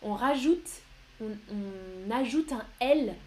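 A woman's voice: a little high, animated, slow pace. A woman teaching grammar in a live online lesson, patient and encouraging as she answers viewers one by one. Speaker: French teacher.

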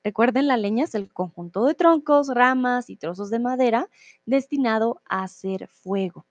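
A woman's voice: on the high side, moderate pace, dry recording, highs cut off. A woman teaching Spanish on a live stream, explaining expressions patiently and reading out viewer comments. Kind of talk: live-streamed language lesson.

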